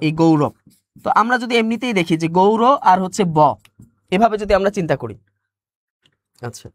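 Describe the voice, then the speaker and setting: Bangladeshi guy teaching exam prep online, high voice, keeps repeating stuff n asking the class, dry close sound. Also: no echo. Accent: Bangladeshi Bengali. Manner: explanatory, repeats key words and asks the class questions.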